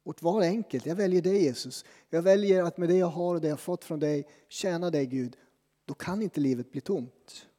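A pastor delivers a sermon in a voice a little higher than most men's, yet dark and mellow. He's conversational and self-deprecating, using dramatic pauses, and a long church-hall reverb trails after each line.

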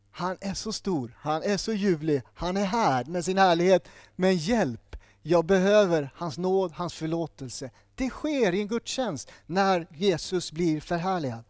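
A man's voice: high voice, a little mellow, no room sound, clean studio sound. A man preaching a sermon in a church, building his points through short repeated phrases.

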